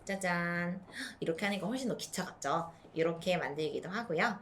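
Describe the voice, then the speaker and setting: A young woman teaching parents play activities for small children, switching into a bright sing-song voice when acting out what to say to a child. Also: on the low side, normal speed, slight background noise. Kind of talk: instructional video for parents.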